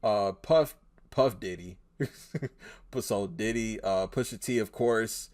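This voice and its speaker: A man reacting casually to a video, laughing often and getting loud and excited as he talks back to it. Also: lowish voice, measured pace. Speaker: reaction streamer.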